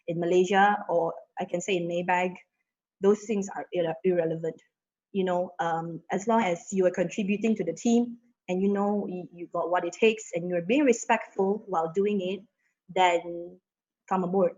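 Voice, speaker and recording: This young panelist from Indonesia, a native Indonesian speaker, chats casually on a video call, leaning heavily on fillers like "you know." Her voice is fairly low and darkish in tone, and the call audio comes through slightly muffled.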